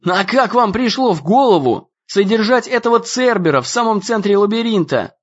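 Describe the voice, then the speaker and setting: Guy doing a whiny rich teen boy, screechy high voice, loud and offended, storybook reading. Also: big pitch swings, moderate pace, highs cut off, exaggerated voice. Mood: indignant whining. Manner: shrill, shouting threats and complaints. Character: whiny indignant fourteen-year-old boy, spoiled and touchy.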